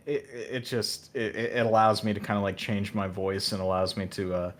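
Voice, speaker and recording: A male guest musician in casual interview chat, hesitant with many fillers and restarts, with dry, low-key humor. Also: level tone, normal speed, slight background noise.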